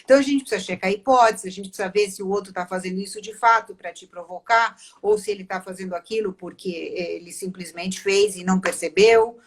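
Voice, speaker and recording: A woman's voice: medium pitch, a little fast, few pauses. A Brazilian woman, a psychologist, explaining at length on a video call and acting out quoted remarks. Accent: Brazilian Portuguese. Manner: explanatory, acts out quoted lines. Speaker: psychologist guest expert. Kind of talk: conversational interview.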